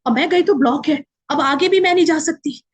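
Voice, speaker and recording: A woman with a high voice recounts a personal faith testimony in Hindi, weaving in English words. Her telling is emotional, and she acts out the voices of the people she quotes. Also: a little fast, low-quality recording. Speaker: testimony speaker.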